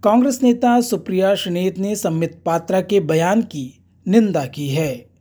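A news anchor reading a formal political news report in steady, measured Hindi newsreading. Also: mid-range voice, breathy edge. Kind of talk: scripted news narration.

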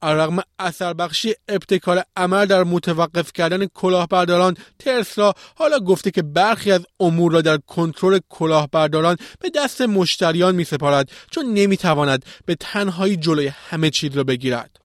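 A man's voice: sits high, few pauses, no room sound, studio quality. A man presenting podcast news, reading from a script in a formal news style.

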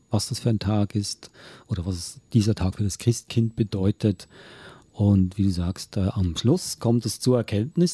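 A man from Switzerland with a Swiss German accent, reading poems aloud and chatting in a gentle, reflective way. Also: on the low side, breathy edge, dry recording. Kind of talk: casual conversation and poem reading.

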